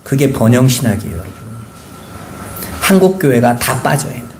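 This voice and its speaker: A man's voice: mid-range voice, big pitch swings, moderate pace, a little mellow, slight background noise. A man preaching a Sunday sermon as pastor, asking the congregation rhetorical questions and acting out quoted voices. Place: church sanctuary. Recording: echoey church room.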